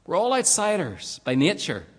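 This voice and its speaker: A fairly high-voiced man delivers an earnest sermon, pressing his points and asking rhetorical questions. The sound has a long, ringing reverb from a large church hall. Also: wildly swooping pitch, moderate pace. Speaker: preacher.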